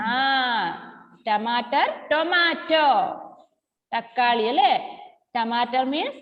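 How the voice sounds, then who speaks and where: A woman with a high voice leads a class of small children, drawing out each word in a slow, sing-song chant and gently coaxing them to reply. The sound is dull and lo-fi, with a long, hollow reverb trailing behind her. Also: animated. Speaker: kindergarten teacher. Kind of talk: online class teaching.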